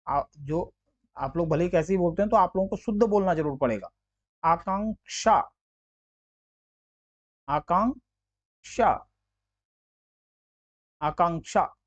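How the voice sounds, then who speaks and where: Man slowly sounding out words for students. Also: high-pitched, darkish tone. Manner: explains patiently, repeating and sounding out words slowly. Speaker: Hindi teacher. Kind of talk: exam-prep spelling lesson. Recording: dull lo-fi audio.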